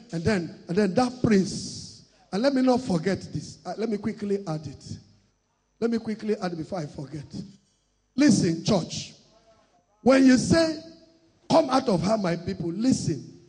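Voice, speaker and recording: Nigerian pastor, high raspy voice, shouts then drops quiet; sermon in a reverberant church hall. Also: male voice, animated, a little slow, soft background music. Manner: shouting preacher, swings from loud declarations to soft asides.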